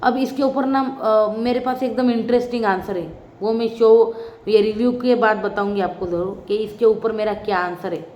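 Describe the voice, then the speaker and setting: A woman's voice: a little high, steady tone, moderate pace, a little mellow. Chatty opinionated woman reviewer, roomy sound. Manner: chatty, opinionated, addresses viewers directly. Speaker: reality show reviewer. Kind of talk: casual spoken review. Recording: roomy, slightly dull recording.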